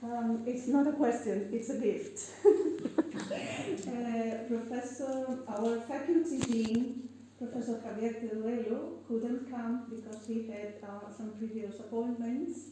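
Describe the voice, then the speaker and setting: A faculty member, a woman, speaking slowly and politely while presenting a gift to a guest. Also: fairly high pitch. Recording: echoey room, distant mic, noise.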